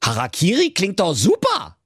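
A man's voice: sits high, wildly swooping pitch, normal speed, fairly bright tone, husky, no echo, clean studio sound, pitched above the performer's own voice, exaggerated voice. A man voicing a scrawny, smug young web designer, cheeky and know-it-all. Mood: cheerful.

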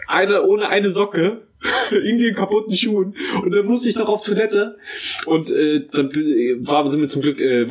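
Husky young man rambling through a story. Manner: rambling storyteller, acts out quotes in a higher voice; frequent restarts and self-corrections. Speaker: podcast co-host. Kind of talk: casual chat.

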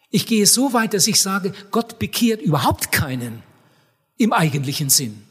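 A man preaching a sermon in an earnest, emphatic way, addressing his listeners warmly as dear ones. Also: high voice, husky. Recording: long hall reverb.

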